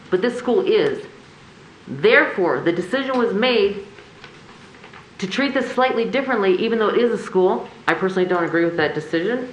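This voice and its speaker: Woman speaking through a face mask, echoey room. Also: mid-range voice. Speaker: planning commission member. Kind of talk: explanatory remarks at a public meeting. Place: indoor public meeting room. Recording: echoey meeting room with background noise.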